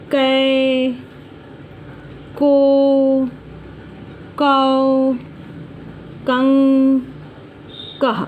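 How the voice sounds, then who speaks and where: Woman, teacher, very slow, drawn-out syllables, fairly high voice, faint hiss. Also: narrow, tinny audio. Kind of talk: slow children's alphabet lesson.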